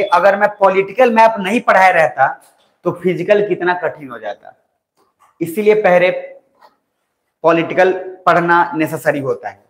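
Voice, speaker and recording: A young man teaching an exam coaching lecture in a classroom, chatty, dictating notes slowly and often asking if students follow. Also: high-pitched. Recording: roomy echo.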